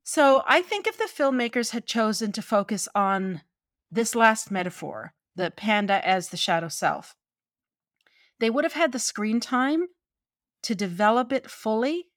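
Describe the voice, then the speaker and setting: A woman from gives conversational opinion commentary on film, expressive and opinionated, with wry asides. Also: medium pitch, measured pace, no echo, clean studio sound. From Newfoundland, Canada.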